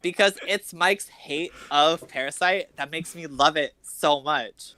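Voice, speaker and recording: A man's voice: on the high side, measured pace, bright, forceful tone, a little hiss or hum. A man in a casual band chat, eager and emphatic, a guest musician.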